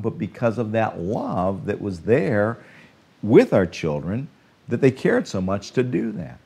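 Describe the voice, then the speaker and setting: An older man preaching a sermon, earnest and warm in content, swinging between emphatic lines and soft, drawn-out phrases. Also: medium pitch. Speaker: pastor.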